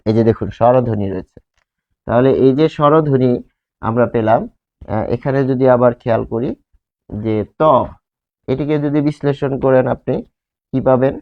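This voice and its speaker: A male teacher giving a grammar lesson, repeating key terms slowly and asking and answering his own questions. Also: medium pitch. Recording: tinny, phone-like sound.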